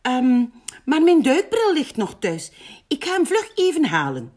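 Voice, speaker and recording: A woman's voice: sits high, wildly swooping pitch, a little slow, darkish tone, voice pushed up, exaggerated voice. A woman doing a whiny little pig boy. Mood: stalling. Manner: whiny, pleading, stalling. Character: fussy young male pig, hesitant.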